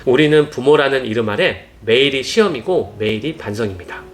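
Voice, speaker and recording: A man giving earnest, gentle parenting advice in scripted narration. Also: mid-range voice, expressive, a little fast, a little hiss or hum. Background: soft background music.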